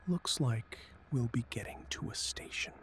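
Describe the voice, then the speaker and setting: A man's voice: medium pitch, normal speed, a bit bright, pitched above the performer's own voice, natural voice. A man voicing a thoughtful older man on a ghost train in whispered narration.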